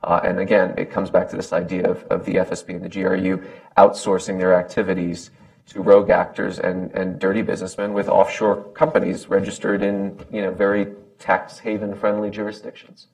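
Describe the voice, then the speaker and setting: A man's voice: deep voice, completely flat delivery, fairly quick, darkish tone, poor audio. A man speaking off the cuff on a panel in a hesitant, thoughtful way, often repeating words as he forms his point. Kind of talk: unscripted panel remarks.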